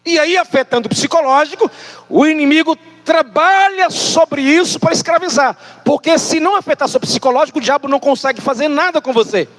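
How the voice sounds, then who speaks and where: Very high-voiced male preacher. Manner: emphatic preaching, stresses words by slowing down and sometimes shouting. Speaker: pastor. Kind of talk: sermon.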